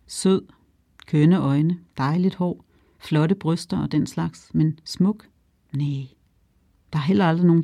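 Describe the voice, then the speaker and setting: A narrator reading a novel aloud in a calm, even storytelling manner. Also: medium pitch, gravelly, no room sound, clean studio sound. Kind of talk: audiobook narration.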